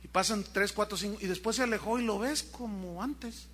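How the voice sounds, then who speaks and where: A man's voice: sits high, fairly quick, a bit bright, a little hiss or hum. A male pastor preaching a sermon, telling stories animatedly and addressing the congregation directly.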